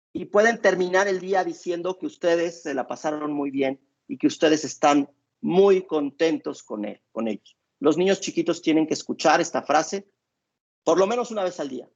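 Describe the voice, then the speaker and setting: Male doctor, rather high gravelly voice, explains in a halting way with many fillers, dull lo-fi sound. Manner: hesitant, with many filler sounds and repeated words. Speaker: doctor giving parenting advice. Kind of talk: explanatory talk to listeners. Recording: dull lo-fi recording.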